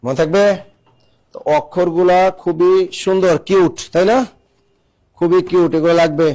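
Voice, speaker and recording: A man's voice: high-pitched, steady tone, moderate pace, warm tone. Quizzing male teacher, raised voice. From Bangladesh. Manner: repeats key phrases, quizzes the class. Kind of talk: classroom lecture.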